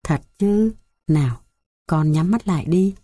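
A woman voicing a kindly old grandmother who comforts a grieving child, speaking softly and soothingly. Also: fairly low pitch, animated, unhurried, slightly rough, dry recording, studio quality. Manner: soft, soothing.

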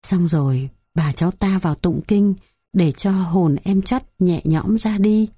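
A woman voicing a kindly old grandmother who comforts a grieving child, speaking softly and soothingly. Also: fairly low pitch, a little slow, husky, no echo, clean studio sound. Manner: soft, soothing.

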